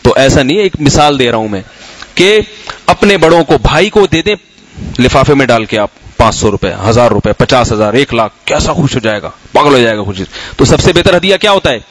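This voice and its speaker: A man's voice: medium pitch, animated, no room sound, low-quality recording. A middle-aged man from Pakistan, an Islamic scholar giving a conversational sermon, telling anecdotes and asking the audience questions. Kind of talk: sermon and Q&A talk.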